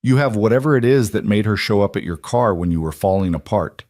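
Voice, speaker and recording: A blunt, frank male friend speaks firmly, as voiced by a male narrator. His voice is low and dry. It comes across as a storybook reading. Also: expressive, brisk, darkish tone, no room sound, lightly acted. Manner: blunt, firm.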